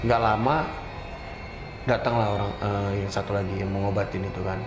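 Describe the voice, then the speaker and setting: A man casually recounting a personal experience as a guest, haltingly, often repeating his words and phrases. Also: flat delivery. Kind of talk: casual spoken storytelling of a supernatural experience. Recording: noisy echoey room, traffic-like rumble.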